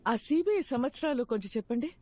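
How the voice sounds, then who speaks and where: An actress playing a brisk, motherly female panelist who dismisses candidates quickly, in dubbed film dialogue. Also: sits high, animated, mellow, soft background music. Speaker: interviewer.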